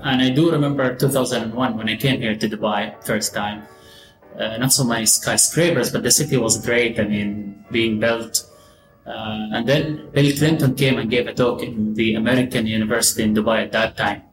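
A man in his forties from Gaza with a Palestinian Arabic accent, telling his personal story as an interview guest in halting, repeated phrases. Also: mid-range voice, steady tone. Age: 40s. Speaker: interview guest, real estate executive. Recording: roomy echo, guitar music behind.

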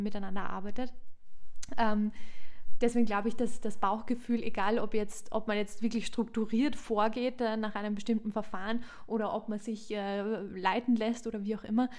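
A woman's voice: mid-range voice, darkish tone. Woman, counselor co-host, reflective and searching for words, casual chat, hesitates often. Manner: reflective, many hesitation fillers. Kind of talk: casual conversational podcast.

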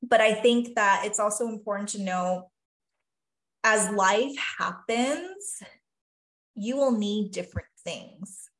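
A woman from Taiwan who is a physician and life coach talks slowly and reflectively on a podcast, her mid-range voice full of lively intonation. She is earnest and thoughtful and leans on "you know" and "really." The audio is poor and echoey.

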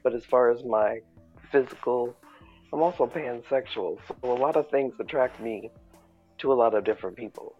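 A woman's voice: very deep voice, normal speed. A woman with a sultry voice chatting casually as a podcast co-host. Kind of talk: casual panel chat. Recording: dull lo-fi sound, music underneath.

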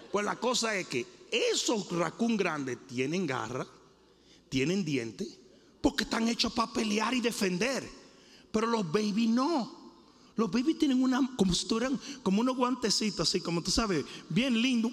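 A male pastor giving an animated sermon to his congregation, with jokes and asides. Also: high voice, moderate pace. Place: church sanctuary. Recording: hall reverb, gravelly voice.

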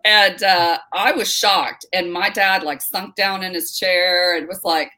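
A woman's voice: on the low side, measured pace. A middle-aged woman from North Carolina, a guest telling stories in a casual interview with many fillers. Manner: lively storyteller, many fillers and restarts.

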